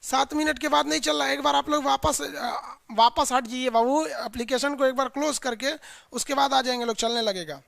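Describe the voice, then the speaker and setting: Chatty teacher drilling a class. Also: male voice, very high voice, steady tone, normal speed, vocal fry, fairly bright tone, no room sound. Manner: drills class in call-and-response lists; chatty, scolding asides to students. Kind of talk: live online geography class.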